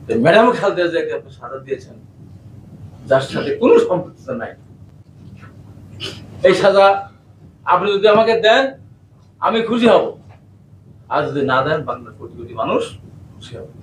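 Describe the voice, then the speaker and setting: A man with a Bangladeshi accent speaks at a protest rally, outdoors or in a hall, passionately addressing the crowd through a PA microphone and leading chants. His high-pitched voice is very animated at a normal speed with long pauses, rising into shouted chants. The sound is echoey and distant, with faint ambience and slight background noise.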